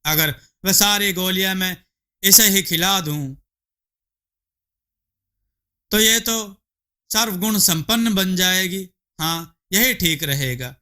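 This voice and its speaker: A man's voice: high-pitched, slow, sharp tone, clean tone, full character voice. Man doing a fussy village farmer husband. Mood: pleased. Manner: fussy, exclaiming.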